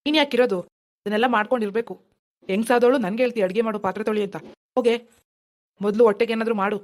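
Here a woman plays an animated cartoon's lazy, domineering husband, shifting from bossy to panicked pleading when he gets frightened. She talks very fast at a fairly high pitch, close to her everyday voice.

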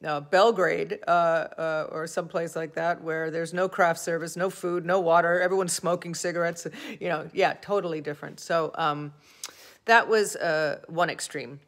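Chatty low-voiced woman telling stories. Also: steady tone, moderate pace. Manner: chatty, self-deprecating, laughs while telling stories. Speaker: actor answering fan questions. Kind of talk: casual anecdotal storytelling.

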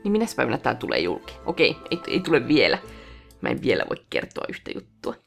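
A woman hosting a let's play, chatting casually as she plays and talking to the game characters, with sudden excited high outbursts. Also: vocal fry, faint music behind.

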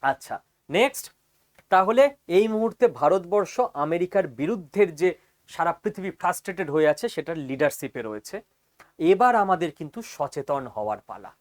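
Emphatic male lecturer. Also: fairly high pitch. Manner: emphatic and lively, often checks in with the audience. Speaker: teacher. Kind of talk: geopolitics explainer lecture.

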